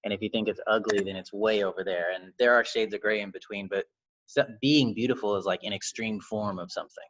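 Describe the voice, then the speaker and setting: A young man hosting an online workshop over a video call, talking slowly with many fillers and restarts. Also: on the low side, a bit bright, slight background noise. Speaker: workshop host. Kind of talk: casual online discussion. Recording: dull lo-fi video call audio.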